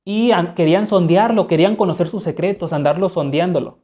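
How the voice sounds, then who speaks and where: Mellow storyteller. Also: mid-range voice, fairly quick. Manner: animated, conversational, with asides to explain old words. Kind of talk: casual retelling of a play.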